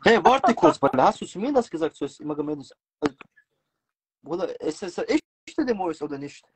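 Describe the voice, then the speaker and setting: Husky, animated man for casual livestream chat, blunt slang with Arabic interjections. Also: a little high, fairly quick, dry recording. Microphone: phone, video call livestream.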